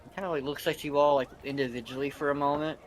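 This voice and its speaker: A man's voice: fairly high pitch, fairly even intonation, fast, slight background noise, low-quality recording. Rambling man narrating as game master. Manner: rambling, many fillers. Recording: clear background ambience.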